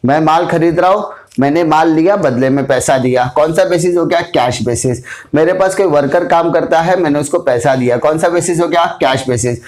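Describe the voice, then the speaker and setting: A man's voice: on the high side, normal speed, a little mellow. A man giving a commerce lecture in Hindi mixed with English, asking questions and answering them himself and repeating key terms. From India. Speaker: commerce teacher. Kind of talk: classroom lecture.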